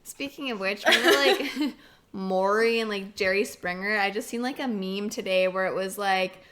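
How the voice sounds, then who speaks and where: A young woman from Canada co-hosting a podcast, reminiscing excitably and laughing in casual chat. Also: medium pitch, moderate pace. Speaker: podcast co-host.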